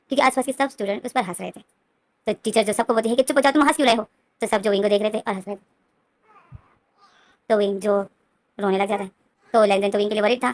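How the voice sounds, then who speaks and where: A woman casually retelling a story's plot in a rapid, run-on way, with many repeats and fillers. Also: medium pitch, no echo. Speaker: story narrator.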